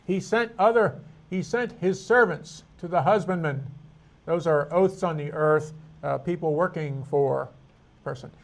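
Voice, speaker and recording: High-voiced man teaching a Bible class. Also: a little slow. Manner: rambling, thinking aloud with frequent restarts and asides. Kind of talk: informal Bible study lecture.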